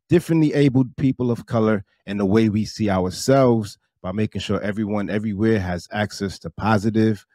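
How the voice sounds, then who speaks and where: A man hosting a podcast interview, measured and sprinkling his talk with "um"s. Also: fairly low pitch, warm tone, dry recording, clean studio sound. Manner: measured, many "um"s and backchannels. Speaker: podcast host.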